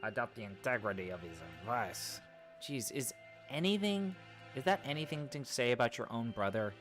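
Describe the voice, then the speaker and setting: A man reads a visual novel's dialogue aloud, jumping between character voices and overdone accents. His own voice sits at a middling pitch. Faint game music plays underneath him. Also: lively intonation, normal speed, a bit bright. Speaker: let's play host reading game dialogue aloud.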